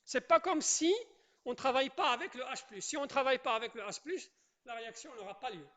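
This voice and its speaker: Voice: high-pitched, brisk, bright, forceful tone. A chemistry teacher giving a classroom lecture at the board. The teacher often repeats points, checks in with the class, and quizzes students and praises their answers. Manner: repetitive, checks in with "d'accord?" and "je répète".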